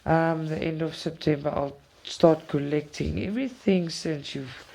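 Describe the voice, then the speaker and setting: A South African cross-stitch channel host whose first language is Afrikaans chats casually with live viewers. Her low, warm voice is creaky and moves at a measured pace, and she is chatty and effusive, often repeating words.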